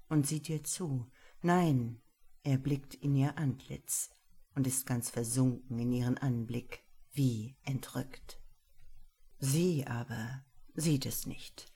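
A woman narrating a literary audiobook in a slow, hushed, intimate delivery. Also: very deep voice, husky.

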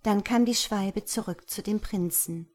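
A woman narrating a fairy tale aloud in slow, deliberate storytelling. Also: mid-range voice, darkish tone. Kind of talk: audiobook fairy tale reading.

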